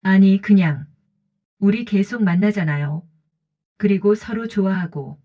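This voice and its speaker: A woman voicing a gentle older man who speaks softly and politely, on a dull lo-fi recording. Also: mid-range voice, unhurried, close to an everyday voice. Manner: soft, polite, reassuring. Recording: dull lo-fi audio.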